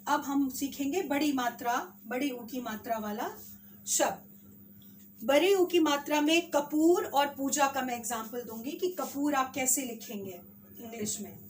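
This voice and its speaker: A woman teacher with an Indian accent, slowly sounding out words for children in a spelling lesson. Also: high voice, far from the mic, a little hiss or hum. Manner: slow, drawn-out sounding of words.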